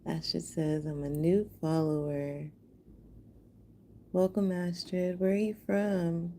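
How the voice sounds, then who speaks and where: While making art on a live stream, a Houston-born American woman chats casually with her viewers, addressing them directly with affection and appreciation. She speaks slowly in a fairly low, dark, level voice over slight background noise.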